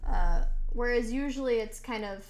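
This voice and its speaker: High-voiced woman streamer chatting. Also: normal speed. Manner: chatty, greets and answers viewers' chat; frequent fillers and restarts. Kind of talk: casual live-stream chat.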